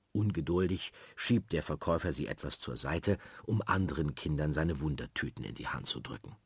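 Lively, husky male storyteller. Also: low-pitched, no echo, studio quality. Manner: lively and expressive. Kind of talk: children's story reading.

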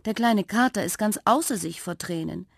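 A woman narrating a children's radio story, with a gentle, expressive way of telling it. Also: mid-range voice, normal speed, vocal fry, no room sound, clean studio sound.

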